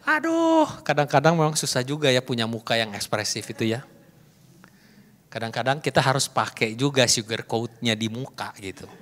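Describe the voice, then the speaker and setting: A man's voice: medium pitch, steady tone, brisk, a bit bright. A middle-aged male pastor preaching a sermon, asking the congregation questions and slipping English words into his talk. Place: church hall. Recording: echoey church hall.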